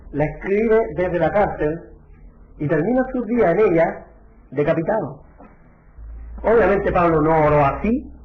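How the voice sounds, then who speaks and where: High-voiced preaching man, echoey lo-fi. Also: slight background noise. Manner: preaching with rhetorical questions, addressing listeners as brother. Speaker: pastor. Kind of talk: sermon. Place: church. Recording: echoey, dull lo-fi church recording.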